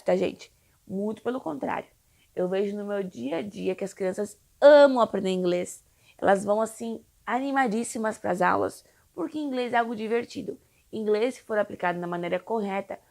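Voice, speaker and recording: A young Brazilian woman who teaches English to children explains things in a casual video, chatty and reassuring with frequent tag questions. Her voice is a little high and a little mellow, with vocal fry.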